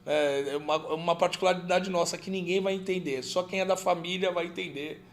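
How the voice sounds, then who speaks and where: A man with a Brazilian Portuguese accent, hosting a casual podcast chat. He speaks in a relaxed, conversational way with a fairly high voice. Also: brisk.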